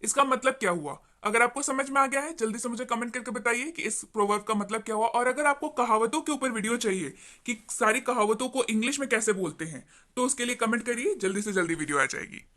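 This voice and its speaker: A woman teaches a spoken English lesson with a bright, clear voice. She says each short phrase slowly and repeats it. Then she explains it in Hindi and asks her viewers questions. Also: on the high side.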